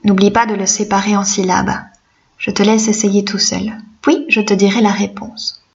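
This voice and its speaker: A woman teaching a reading lesson to young children, slow, gentle and encouraging. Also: medium pitch, flat delivery, lo-fi sound.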